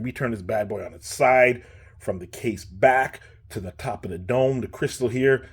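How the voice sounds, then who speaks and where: A man's voice: medium pitch, slightly rough. Laid-back chatty man reviewing a watch. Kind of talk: casual product review.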